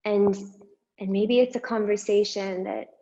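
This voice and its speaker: A woman guiding a meditation and breathing exercise, speaking slowly and softly with long pauses. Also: medium pitch, fairly even intonation, highs cut off. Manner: slow, soft and unhurried with long pauses. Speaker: meditation guide. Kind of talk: guided meditation.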